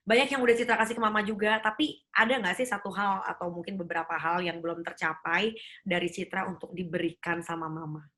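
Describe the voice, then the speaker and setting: A woman hosting a casual interview with a bright, sharp-edged voice. She asks friendly questions and keeps things moving with quick backchannels. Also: lowish voice, fairly even intonation. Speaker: interview host.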